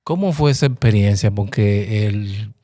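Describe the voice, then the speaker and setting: A man's voice: lowish voice, a little slow, mellow, no echo, studio quality. Inquisitive male interview host. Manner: inquisitive, repeats questions. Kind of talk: conversational interview.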